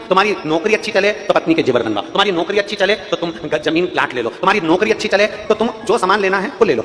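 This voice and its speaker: A man's voice: high voice, fairly bright tone, in a large hall. A man delivering a devotional scripture sermon to a large gathering, fervent and repetitive, breaking into sung verses. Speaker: religious storyteller.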